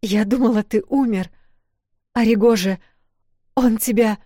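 A woman voicing a defiant, stubborn young sister who protests in a high, strained voice. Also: a little slow, mellow, no room sound, studio quality. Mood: shaken.

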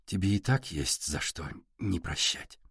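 A gentle, composed young woman speaks in a soft, hushed way, as a male audiobook narrator puts her on. The voice sits low and is recorded dry and close. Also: lively intonation, unhurried, creaky, slightly rough, no echo, exaggerated voice. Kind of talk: audiobook character reading.

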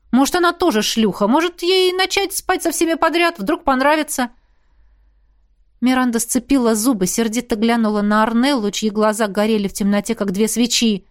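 Female audiobook narrator, slightly high, expressive storytelling read. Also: moderate pace.

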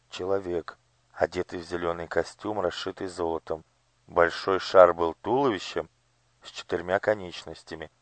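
Low-voiced male audiobook narrator. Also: dry recording. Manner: calm, measured reading. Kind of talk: scripted storybook narration.

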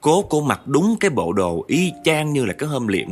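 A man's voice: medium pitch, big pitch swings, moderate pace, faint music behind. A man narrating a ghost story in a chatty way, often turning to address his listeners directly.

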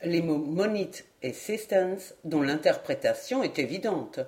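A woman's voice: deep voice, animated, measured pace, darkish tone. A woman reading the part of a young, respectful ship captain patiently explaining a puzzle in an audiobook.

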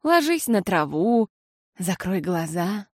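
A woman's voice: lowish voice, big pitch swings, darkish tone, no room sound, studio quality, full character voice. Woman as a soothing tired mother. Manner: slow and soothing. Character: patient, tired mother soothing her daughter.

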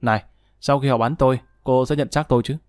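A man's voice: mid-range voice, steady tone, quick pace, dry recording, studio quality, natural voice. A man voicing a bitter, remorseful male prisoner in an audiobook, weary and self-pitying.

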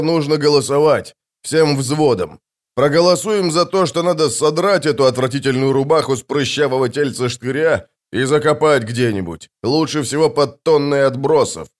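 A man voicing a loud, crude male sapper who yells and complains. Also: medium pitch, lightly acted. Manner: loud, yelling.

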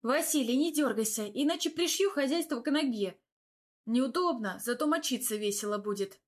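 A woman's voice: sits high, lively intonation, normal speed, pitched above the performer's own voice. A woman voicing Velora, a stern bossy doctor. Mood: teasing. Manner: stern, mocking commands. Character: sharp-tongued young woman doctor, bossy.

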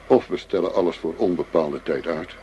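In a noisy radio drama with audible ambience, a man with a low voice plays a shrewd undercover cop posing as a tough dealer. He speaks at a moderate pace, firm and businesslike with a hard edge, and the recording sounds muffled.

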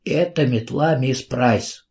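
A man's voice: medium pitch, takes it slowly, creaky, darkish tone. Man reading as an earnest, polite little boy. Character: earnest, serious small boy. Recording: dull lo-fi recording.

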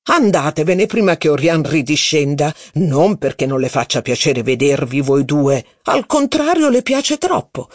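A man reading aloud voices a blustering, impatient aristocratic duke who talks in loud exclamations. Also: on the high side, very animated, a little slow, few pauses, no room sound, studio quality.

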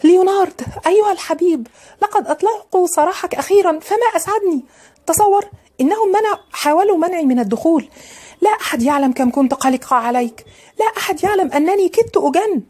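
A woman voicing a defiant young woman of about twenty who talks in a shrill, taunting way, in an audiobook. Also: lively intonation, fast talker, warm tone. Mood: overjoyed.

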